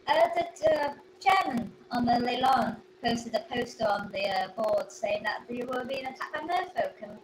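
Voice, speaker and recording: A woman's voice: on the high side, expressive, normal speed, few pauses, background noise. Hesitant woman player, echoey room. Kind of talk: casual tabletop game chat. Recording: roomy with music behind.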